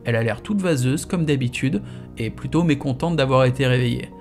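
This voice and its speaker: A man's voice: mid-range voice, brisk, darkish tone, soft background music. A man reading a novel aloud in the first person, in a casual, slangy storytelling manner. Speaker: audiobook reader.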